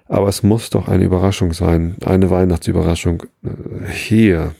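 Man reading as a deep, jovial old Santa Claus. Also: fairly even intonation, moderate pace, vocal fry, no echo, studio quality. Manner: jovial, warmly explaining. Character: jolly old male Santa Claus, cheerful and kindly. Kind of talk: storybook reading.

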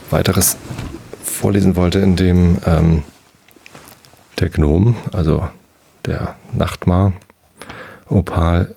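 A man hosting a sleep podcast, rambling gently with fillers as he reads a bedtime story aloud. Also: sits low, gravelly, breathy edge. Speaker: podcast host reading aloud.

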